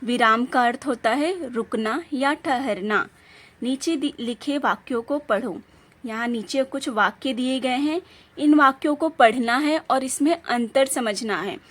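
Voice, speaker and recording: A woman teacher giving a patient lesson, reading example sentences aloud with clear emphasis. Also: high voice, measured pace, a bit bright. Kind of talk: classroom lesson explaining punctuation.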